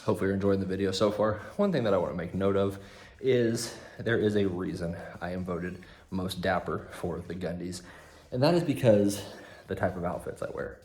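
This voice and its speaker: A very deep-voiced man talks straight to camera from his garage gym, giving fitness tips in a relaxed, joking way. He is a bit out of breath and drops in self-deprecating asides. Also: brisk, soft background music. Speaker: fitness content creator. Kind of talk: casual vlog tips to camera.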